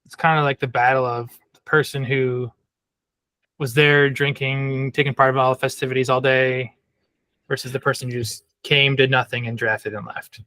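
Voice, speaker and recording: A man's voice: mid-range voice, level tone, normal speed, bright, forceful tone, no echo. A man appearing as a guest on a sports podcast, talking loosely and hedging with fillers. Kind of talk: casual chat.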